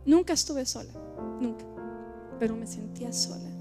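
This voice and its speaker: A woman gives an emotional church testimony, heartfelt and halting, repeating her phrases. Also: fairly high pitch, music in the background. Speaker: church member giving testimony.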